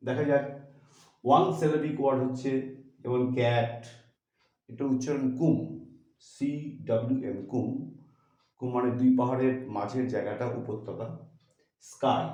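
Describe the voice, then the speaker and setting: A man with a Bengali accent teaching English grammar in a slow, halting way, slowing further when he reads English definitions. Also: medium pitch, warm tone. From India. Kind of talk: lesson. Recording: echoey room.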